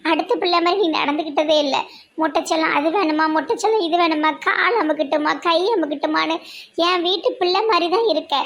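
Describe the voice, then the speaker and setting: A woman's voice: very high voice, vocal fry, a bit bright, full character voice. A woman voicing a hot-tempered, generous young village wife in a comic cartoon, with a Tirunelveli Tamil accent and an emphatic, scolding manner. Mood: insistent.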